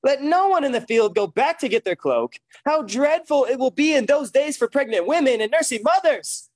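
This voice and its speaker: Preacher at a pulpit mic, high male voice, dry close sound, reads scripture then reacts with emphatic asides. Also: expressive, normal speed, no echo. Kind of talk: sermon with scripture reading.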